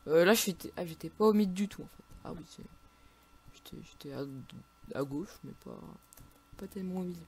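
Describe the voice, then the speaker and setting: A French-accented woman talks her way through an online game, her voice sitting a little low for a woman. She gets excitable and keeps restarting her sentences, and a faint hum of noise stays under her voice. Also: a little fast. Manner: excitable, frustrated outbursts, many restarts. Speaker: gamer commentating her play. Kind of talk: casual let's-play commentary.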